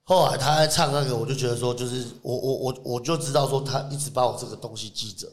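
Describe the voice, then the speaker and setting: A man with a Taiwanese Mandarin accent telling an animated story in casual chat, laughing often. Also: medium pitch, fast, reverberant. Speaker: podcast guest.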